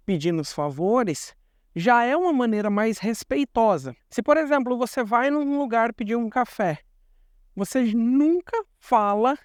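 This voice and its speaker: A man's voice: extremely high pitch, clean tone, dry recording, clean studio sound. A young Brazilian man with a Brazilian Portuguese accent, explaining things in a chatty vlog and repeating words for emphasis. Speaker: vlogger.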